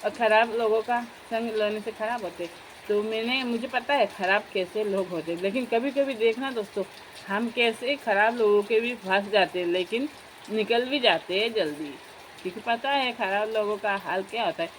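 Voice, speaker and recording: A woman's voice: mid-range voice, moderate pace, a little hiss or hum, low-quality recording. A young woman vlogger in casual chat, talking straight to her viewers as friends in a chatty, confiding way.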